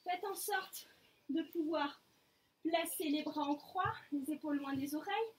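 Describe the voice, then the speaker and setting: A woman teaching a floor barre class, giving short calm commands. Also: sits high. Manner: calm counting cues, short commands, slow. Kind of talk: instructing an exercise class. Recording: distant mic with faint room noise.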